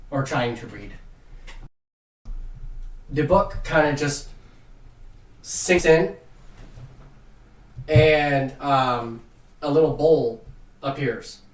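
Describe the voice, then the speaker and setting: A man narrating a tabletop game casually as game master, often halting as he searches for words. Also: mid-range voice. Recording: roomy, distant from the mic.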